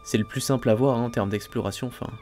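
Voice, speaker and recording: A man's voice: mid-range voice, quick pace, faint music behind. Chatty man narrating his gameplay. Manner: chatty, thinks aloud, frequent "hein" and "euh" fillers; excitable, exclaims over new finds. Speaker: let's play host. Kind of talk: casual gameplay commentary.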